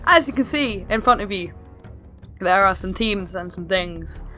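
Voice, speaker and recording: A woman with a hoarse, sick-sounding smoker's rasp, giving casual, sarcastic, sweary game commentary. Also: medium pitch, expressive, unhurried, bright, forceful tone. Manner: sarcastic, self-deprecating, sweary. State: ill, hoarse. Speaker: video host narrating own battle. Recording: music behind the voice. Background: music.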